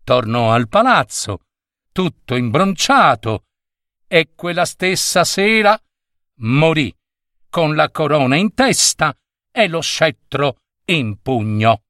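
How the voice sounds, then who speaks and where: Male storyteller, slow and animated, reading a fairy tale in a dry, close sound. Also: a little high, no echo. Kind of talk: scripted fairy-tale narration.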